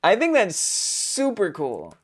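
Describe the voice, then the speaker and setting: A young adult woman hosting a game jam stream, chatting casually in an excitable, self-mocking way. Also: medium pitch, slow, slightly rough. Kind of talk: casual live-stream chat.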